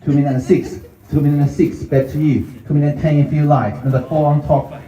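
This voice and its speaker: A man's voice: fairly high pitch, little pitch movement, fast talker, warm tone. A man working as a real estate auctioneer, calling out bids in repeated short phrases to buyers like a showman. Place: live property auction before gathered buyers. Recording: echoey, picked up from a distance.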